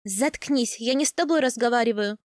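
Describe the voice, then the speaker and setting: A woman's voice: high voice, big pitch swings, a little slow, dry recording, studio quality, voice pushed up. A woman voicing a blunt, hot-tempered young woman warrior who mocks and demands answers. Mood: snappish. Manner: sharp, mocking, demanding.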